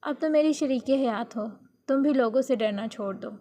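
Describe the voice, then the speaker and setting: A woman's voice: high voice, mellow, lightly acted. A woman voicing a devoted young husband in a read-aloud romance novel, speaking earnestly and tenderly. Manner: earnest, pleading.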